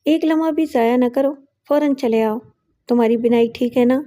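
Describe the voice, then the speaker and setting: A woman's voice: on the high side, mellow, lightly acted. A woman voicing a scheming young woman who poisons her father, sweet on the surface and cold underneath.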